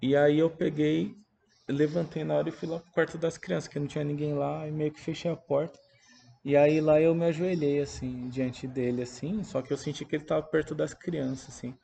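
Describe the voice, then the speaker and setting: A man with a Brazilian Portuguese accent shares a personal religious testimony in a casual, reflective way, pausing and circling back as he searches for words. His voice sits a little high and is dark and mellow, with a gravelly, creaky edge. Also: flat delivery, a little hiss or hum. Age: adult parent. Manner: earnest, halting and reflective.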